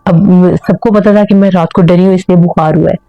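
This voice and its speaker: A woman's voice: on the low side, fairly even intonation, fairly quick, dry recording, phone-quality sound. A woman telling a first-person horror story in an earnest storytelling manner.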